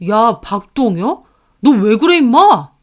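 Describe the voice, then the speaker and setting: A woman's voice: a little high, big pitch swings, takes it slowly. A woman voicing an adult man, a defensive older brother who answers in brusque, dismissive retorts. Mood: irritated.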